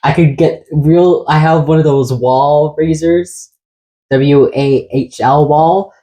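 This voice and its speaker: A woman co-hosting a podcast, chatting casually in an excitable, rambling way and swearing now and then. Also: deep voice, slow, poor audio. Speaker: podcast co-host. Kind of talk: casual chat.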